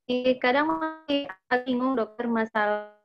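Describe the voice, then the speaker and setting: A woman's voice: sits high, a little slow, lo-fi sound, music in the background. A woman student on an online class call, politely asking the doctor a question while her audio keeps breaking up. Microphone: video call.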